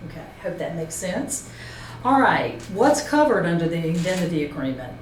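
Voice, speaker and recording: This woman presenting a seminar is very animated, with a lowish voice and an ordinary speaking speed. She walks through an informal instructional talk one step at a time, checking points with a colleague along the way. The audio is distant and echoey, with a little faint noise.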